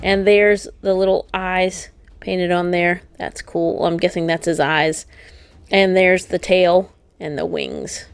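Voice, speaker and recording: Her voice is on the low side, clear and resonant, with a level tone, and she takes it slowly. As co-host of a casual toy unboxing show, she enthusiastically chats through the details of the products. Faint background noise sits under the recording.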